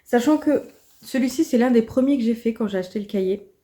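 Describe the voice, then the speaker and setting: A woman's voice: on the high side, fast. A woman vlogger chatting casually about her coloring books, with lots of fillers and restarts. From France. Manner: chatty, many fillers and restarts, soft asides. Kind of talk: casual vlog chat.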